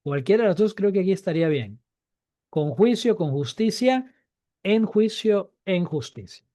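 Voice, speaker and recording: A man's voice: high voice, expressive, normal speed, dark tone, dry recording. Guy teaching hebrew online, keeps repeating stuff, asks questions, dry sound. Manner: repeats key points, asks students questions. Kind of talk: online class lesson.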